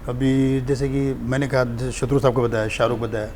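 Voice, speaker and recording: A man, a stand-up comedian, telling animated anecdotes in a casual interview. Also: mid-range voice, fairly quick, a little hiss or hum. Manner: animated, storytelling.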